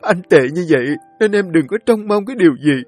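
A man's voice: medium pitch, moderate pace, darkish tone, soft background music, natural voice. A man voicing a grief-stricken young husband who pleads tearfully with his dying wife. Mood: sobbing desperate. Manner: sobbing, pleading, voice breaking.

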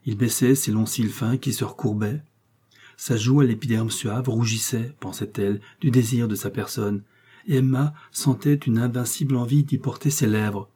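A man reading a classic novel aloud in a measured, expressive way. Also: mid-range voice, breathy edge. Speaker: audiobook reader. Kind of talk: literary narration.

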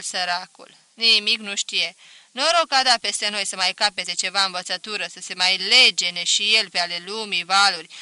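A woman's voice: mid-range voice, sharp tone, smooth, dry recording, low-quality recording. A woman voicing a young countryman who speaks with pity, musing in folk sayings, in a storybook reading. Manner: musing, proverb-laden. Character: pitying, philosophical young countryman.

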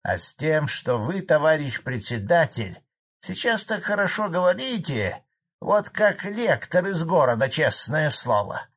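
A man voicing an angry, blunt old male Soviet cattle farmer in an audiobook, gruff and indignant. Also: fairly high pitch, big pitch swings, a little slow, fairly bright tone, pitched above the performer's own voice, full character voice.

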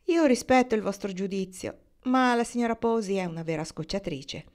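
A woman reading aloud voices a serene, sly young woman who speaks calmly and spells out her words with care. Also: mid-range voice, natural voice. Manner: calm, deliberate, enunciating.

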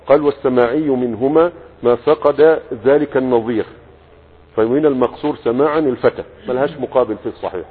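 A man with an Egyptian Arabic accent teaching a classical Arabic morphology text. He reads lines from the book, then explains them in colloquial asides and keeps checking that the students follow. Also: medium pitch. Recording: husky voice, echoey hall, phone-like band.

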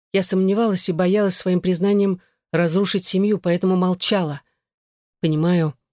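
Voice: mid-range voice, a little mellow, no echo, clean studio sound, close to an everyday voice. A reader voicing a remorseful young wife who pleads with her husband in an audiobook. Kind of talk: audiobook character voice.

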